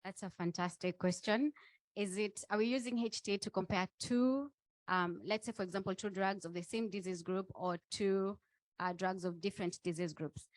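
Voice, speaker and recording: A woman's voice: medium pitch, normal speed, no room sound, rough recording. A woman facilitating a training session, explaining points didactically and turning to the room.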